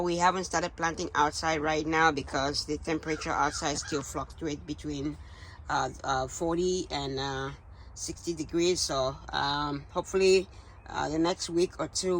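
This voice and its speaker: A man hosting a casual gardening update in a greenhouse, speaking in a halting, hesitant way. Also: on the high side, fairly even intonation, a bit bright, a little hiss or hum, poor audio. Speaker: gardening channel host.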